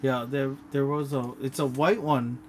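Halting mid-pitched man in casual chat. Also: fairly even intonation, a little mellow, a little hiss or hum. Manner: halting, hesitant, lots of restarts.

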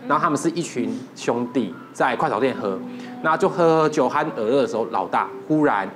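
A man, an emergency doctor on a TV talk show, telling a story in a measured, dramatic way. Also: mid-range voice, animated, music in the background.

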